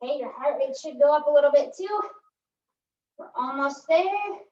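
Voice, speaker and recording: High, upbeat woman coaching a workout. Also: expressive, moderate pace, a little mellow, reverberant, recorded from a distance, muffled recording, a little hiss or hum. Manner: upbeat, chatty, keeps asking "right?"; counts reps aloud while exercising. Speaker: pilates instructor. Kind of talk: workout instruction.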